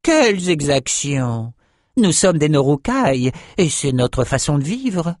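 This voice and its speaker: A man putting on a naive, high-pitched albino shaman. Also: big pitch swings, dry recording, studio quality. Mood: naive puzzled. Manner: high, slow, puzzled and singsong. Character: naive childlike albino male shaman slaver. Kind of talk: audiobook character voice.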